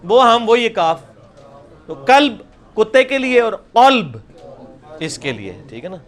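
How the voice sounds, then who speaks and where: High-voiced man drilling sounds. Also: big pitch swings. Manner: demonstrates sounds by repeating them slowly and loudly. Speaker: Quran recitation teacher. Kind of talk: online class teaching.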